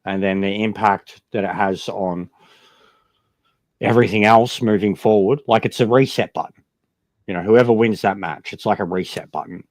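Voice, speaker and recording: A man's voice: on the low side, normal speed, darkish tone, dry recording. A man talking casually and emphatically as a wrestling fan co-host, opinionated, repeating his points and swearing freely. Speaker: wrestling talk show co-host. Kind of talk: casual sports fan debate.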